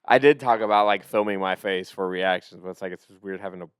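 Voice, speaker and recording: A man with a low, smooth voice, chatting casually on a podcast. He rambles and gets excitable, trailing off mid-thought and starting over. The sound is dry and close. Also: quick pace, no echo. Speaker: podcast co-host. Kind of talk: casual chat.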